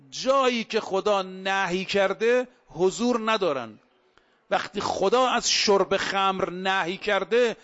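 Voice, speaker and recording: High-voiced man preaching emphatically. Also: bright, forceful tone. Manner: emphatic preaching with rhetorical questions and storytelling. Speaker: cleric. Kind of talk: sermon. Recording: dull lo-fi recording.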